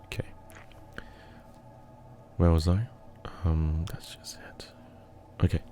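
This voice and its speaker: A man's voice: low voice, flat delivery, takes it slowly, warm tone, slight background noise. A young man from Malaysia, reading a bedtime story ASMR-style and chatting relaxedly with viewers. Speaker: storyteller streamer.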